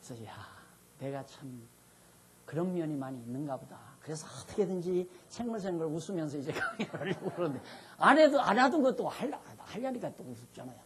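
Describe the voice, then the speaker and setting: A man's voice: fairly high pitch, sing-song, brisk, a little hiss or hum. An older man, a pastor, giving a chatty, self-reflective Bible lecture while seated before a class. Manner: chatty, self-reflective, sometimes mimics shouting preachers. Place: seated, speaking informally to a class.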